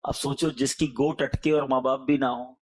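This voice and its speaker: A male preacher with a Pakistani Urdu accent giving an emotional sermon, pleading with listeners and swinging between loud appeals and hushed words. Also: mid-range voice, flat delivery.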